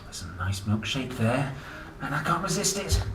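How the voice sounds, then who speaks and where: With a sing-song, slightly bright medium-pitched voice at normal speed, a man hosting a children's reading exclaims and quizzes his young listeners as he plays out a picture book. The sound is roomy and clearly noisy, the mic set far away.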